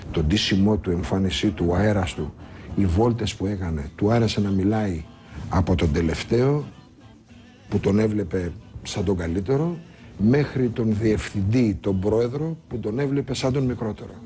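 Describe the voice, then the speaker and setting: A man's voice: fairly low pitch, mellow, soft background music. A man reminiscing about his father in a documentary interview, telling stories and acting out the dialogue. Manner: storytelling, acts out dialogue. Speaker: interviewee, the singer's son.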